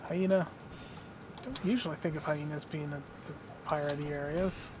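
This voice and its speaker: High-voiced man streaming a game. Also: steady tone, normal speed, background noise. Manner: chatty, self-mocking asides. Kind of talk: casual gameplay commentary. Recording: slightly dull lo-fi audio.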